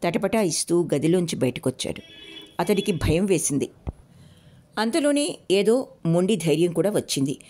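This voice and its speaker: A woman storyteller with a lowish voice reads a novel aloud. Her pace is calm and measured. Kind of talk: audiobook story narration.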